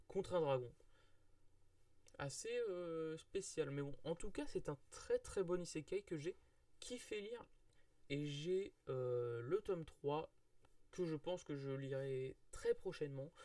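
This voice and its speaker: Young-sounding man, fairly high voice, dry close mic; rambling casual reviewer full of fillers. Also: warm tone, no room sound. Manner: rambling, many fillers and restarts. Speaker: manga reviewer.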